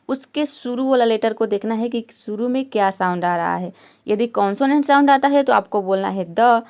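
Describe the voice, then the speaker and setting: A woman's voice: on the high side, clear, resonant tone. A woman teaching English grammar step by step, patiently asking questions and answering them herself.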